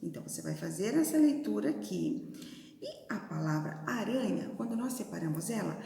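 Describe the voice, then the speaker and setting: Lively Brazilian teacher in an echoey room. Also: female voice, medium pitch, gravelly. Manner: patient, sounds out syllables slowly, uses diminutives. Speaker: primary school teacher. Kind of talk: recorded video lesson for young children. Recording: echoey room with long reverb.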